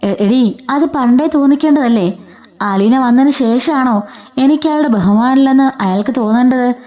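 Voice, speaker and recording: A woman's voice: high-pitched, moderate pace, dark tone, close to an everyday voice. A woman doing a bitter scolding mother. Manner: harsh, accusing.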